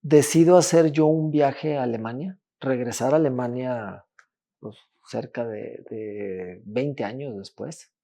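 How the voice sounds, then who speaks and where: A man, telling his own story as a podcast guest, halting, with restarts and repeated words. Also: medium pitch, creaky, mellow. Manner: halting, with frequent restarts and repetitions. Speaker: interview guest. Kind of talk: personal testimony in a podcast interview.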